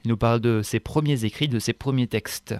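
A male radio host introducing guests in calm, measured, scripted narration. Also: mid-range voice, background noise.

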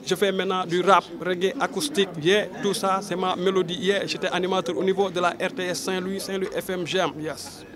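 A man's voice: high-pitched, level tone, brisk, hardly any pauses. A man in his thirties from Senegal, a rapper chatting loosely in an interview and ending phrases with "quoi". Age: 30s. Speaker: rapper and reggae artist. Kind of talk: casual interview chat. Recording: outdoor crowd chatter behind.

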